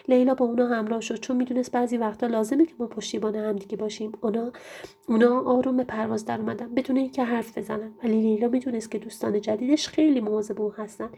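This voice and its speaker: A woman reading a children's storybook aloud in a gentle way, often restarting phrases. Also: fairly high pitch, gravelly, slightly rough. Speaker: reader.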